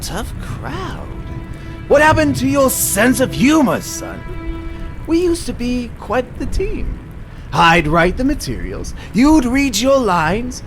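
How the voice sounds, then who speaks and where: A gleefully cruel clown villain from a superhero radio drama, pitched very high. He taunts theatrically, stretching his words slowly and swooping up and down. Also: exaggerated voice. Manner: theatrical, mocking, drawn-out delivery with swooping exclamations.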